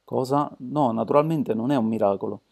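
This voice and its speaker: A man's voice: mid-range voice, a little fast, creaky, a little mellow. A man voicing a small exasperated priest. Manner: trembling, exasperated. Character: small indignant old male priest.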